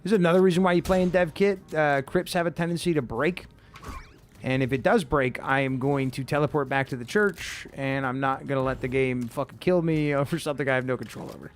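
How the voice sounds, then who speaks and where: A man's voice: medium pitch, brisk, slight background noise. A young man from the United States casually talking with viewers while playing a game, laid-back and cursing often. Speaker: streamer. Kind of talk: casual gameplay commentary.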